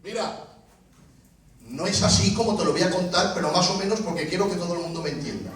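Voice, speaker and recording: A Spanish-accented pastor preaches to his church with a high, ringing voice that climbs into shouts. He acts out little conversations as he goes. The sound is heavily echoey, picked up from a distance in a church hall. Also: animated, a little fast. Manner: preaching with rising shouts and acted dialogue. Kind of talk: sermon.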